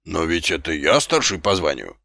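A man voicing a slow, timid, middle-aged male sergeant who talks hesitantly and grumbles, in an audiobook. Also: sits low, sing-song, creaky, bright, forceful tone, dry recording, studio quality, pitched below the performer's own voice, heavily acted.

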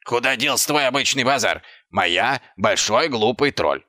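A man's voice: medium pitch, animated, measured pace, sharp tone, no echo, studio quality. A man voicing a city watchman who is freezing, stammering and shivering with cold. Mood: urgent.

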